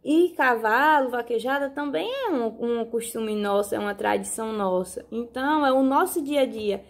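A woman's voice: on the high side, moderate pace. A woman, chatting casually to her viewers on a phone video, often checking in with them and repeating herself. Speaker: vlogger. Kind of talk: casual vlog talk to viewers. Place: countryside home.

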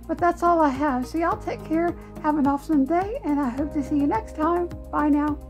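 Speaking from her home craft room with faint music behind her, a woman hosts a crafting channel in casual vlog style. Her voice sits high and has a darkish tone at a moderate pace, and it's worn from a long day as she loses it. She stays chatty and laughs often.

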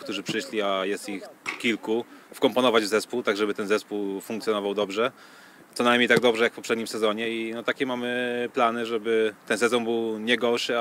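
A football club official in his thirties answers a sports interview in a measured, hesitant way, with a fairly bright tone. He speaks into a handheld reporter microphone outdoors on a training pitch, with field noise in the background.

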